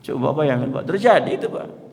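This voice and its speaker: A man preaching a lively storytelling sermon, often addressing listeners directly. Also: medium pitch, a little fast, a little hiss or hum. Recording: reverberant hall.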